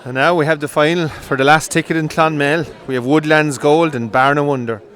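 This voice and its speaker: A man calls greyhound coursing live from an outdoor field. His voice sits fairly high and turns brisk and excited as the dogs run. A faint crowd murmurs behind him. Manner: brisk, rising with excitement during the runs. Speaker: race commentator.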